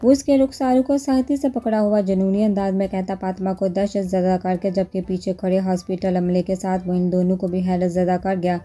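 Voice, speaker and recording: Woman, novel narrator, steady storytelling, very dark mellow voice, faint music underneath. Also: medium pitch, few pauses.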